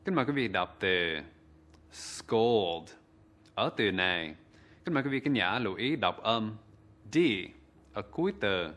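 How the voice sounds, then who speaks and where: A man presenting a TV English vocabulary lesson, pronouncing words slowly and formally for viewers to repeat. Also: on the low side, expressive, noisy background. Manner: slow, formal, deliberate enunciation. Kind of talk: scripted pronunciation drill.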